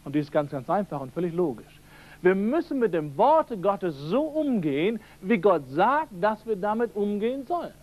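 A man with a high voice preaches at a church seminar, emphatic and direct, hammering key phrases home. The sound is an old, dull tape recording, like from the radio. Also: sing-song, normal speed. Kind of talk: sermon.

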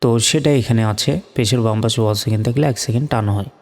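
A man teaching Quran recitation step by step, spelling out letters and vowel marks, then chanting the words slowly and drawn out. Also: mid-range voice, darkish tone, in a large hall.

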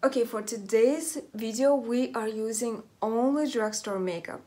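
A young adult woman, a native Russian speaker with a Russian accent, presents a makeup tutorial to her viewers as a beauty vlogger. Her voice is a little high, warm and unhurried, with background music playing.

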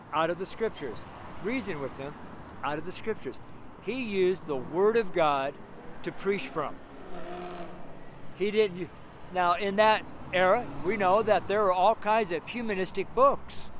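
A middle-aged man preaches on a street corner, a little higher-pitched than most men. He talks in an emphatic, rambling way, full of fillers and asides. Cars pass clearly in the background of the close handheld recording. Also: rough recording. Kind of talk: outdoor street sermon. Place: outdoors on a sidewalk by a street. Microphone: camera held close, selfie framing. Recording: outdoor street with audible traffic noise. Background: passing traffic.

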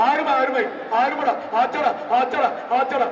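A man calling a bull-taming event through a public-address loudspeaker, excited and shouting repeated short cries. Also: extremely high pitch, normal speed, highs cut off, slight background noise. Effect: heard through a public-address loudspeaker. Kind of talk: live commentary over loudspeaker. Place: open-air arena with a large crowd. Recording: echoing loudspeaker from far off over crowd.

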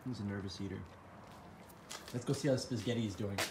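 A man giving joking, casual commentary while he livestreams his home on a phone, teasing the people around him and talking softly to his cats. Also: lowish voice, a little fast, echoey room, very noisy. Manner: joking, teasing, with frequent laughs; soft, cooing talk to pets. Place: home kitchen, then garage.

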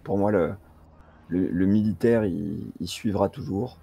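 Male co-op gamer, deep and gravelly, relaxed conversational chat during play. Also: a little slow. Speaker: co-op gaming partner. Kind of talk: casual chat during a strategy game.

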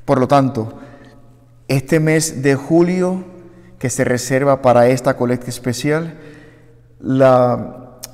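Speaking slowly with long pauses, a thirty-something man from Puerto Rico, a deacon and seminarian, makes an earnest prepared appeal from a lectern. His darkish mid-range voice rings through the small wood-panelled chapel's hard walls in long reverb.

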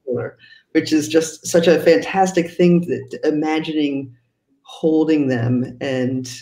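A woman interviewing an author, framing her questions haltingly with repeated words. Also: deep voice, fairly even intonation, mellow. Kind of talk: conversational interview. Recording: roomy echo.

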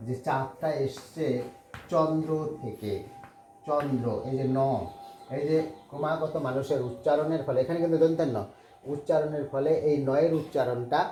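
Male teacher, patient and repetitive, low warm tone, echoey room with faint hiss. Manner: patient, repeats words and spells them out letter by letter. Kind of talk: classroom lesson on Bangla spelling.

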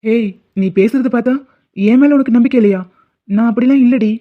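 A man's voice: very high-pitched, a little fast. A man voicing a sensitive young student who grew up without parents, in a cartoon. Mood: defensive. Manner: pleading, tearful. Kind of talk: animated cartoon voice acting. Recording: tinny phone-like sound.

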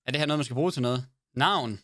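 Bright-voiced man chatting to his stream. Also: medium pitch, no room sound, studio quality. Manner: rambling, swears, talks to chat. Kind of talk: casual live-stream chat.

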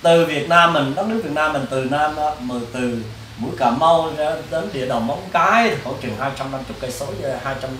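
A man, a Buddhist monk, lectures students in a loose, rambling way, repeating himself and throwing questions at the room. His voice sits a little high. It is recorded from a distance in an echoey hall, with faint hiss behind it. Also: brisk, few pauses, fairly bright tone. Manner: rambling, repetitive, addresses listeners directly with questions. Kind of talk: casual dharma lecture. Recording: roomy, distant mic, faint background hiss.

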